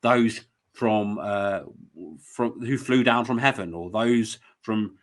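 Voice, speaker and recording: A man's voice: on the low side, takes it slowly. A man hosting a casual conversation, talking in a rambling, hesitant way. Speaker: host.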